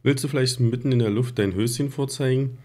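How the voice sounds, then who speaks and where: A man's voice: medium pitch, a little fast, warm tone, pitched above the performer's own voice, close to an everyday voice. A man voicing a sneering, arrogant teenage boy wizard in a storybook reading, with a taunting, smug delivery.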